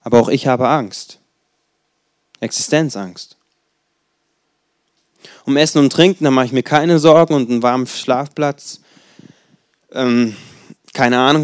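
Young man in his 20s, casual storytelling sermon, mid pitch, dry close sound. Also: a little mellow, dry recording. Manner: conversational, storytelling, rhetorical questions. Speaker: preacher.

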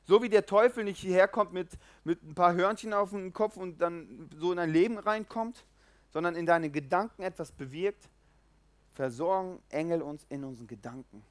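A man gives a casual, animated sermon in a fairly high voice, recorded close and dry. He jumps between loud bursts and hushed asides, acting out the people in his stories. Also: moderate pace, dry recording. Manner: lively, animated, acts out quoted voices, swings loud and soft. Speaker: preacher. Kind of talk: informal sermon.

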